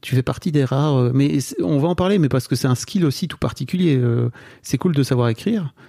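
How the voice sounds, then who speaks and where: A man from northern France hosts a podcast in a relaxed, teasing manner, rambling through his questions. His voice is mid-pitched and warm, never sharp. Close microphone in a dry room. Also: brisk, vocal fry, no echo. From Nord, northern France. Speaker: podcast host. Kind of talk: casual podcast interview.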